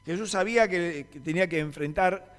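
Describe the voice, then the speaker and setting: A man with a Rioplatense Spanish accent, a pastor preaching a sermon and telling stories, who moves from quiet, low passages to loud, emphatic peaks. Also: a little fast. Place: church meeting hall. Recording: reverberant church hall.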